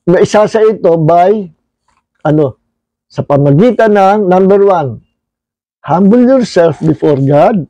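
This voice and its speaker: High-voiced Filipino pastor teaching. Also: male voice, animated, unhurried, pauses often, dark tone, no room sound, low-quality recording. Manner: storytelling, mixes Tagalog and English, frequent "no?" tag. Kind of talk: online Bible study teaching.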